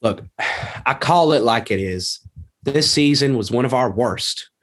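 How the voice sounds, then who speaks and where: For a comedy sketch, a man plays an ignorant, blustering small-town football coach, gruff but prone to sudden high-pitched outbursts. He delivers it with lively intonation at a measured pace.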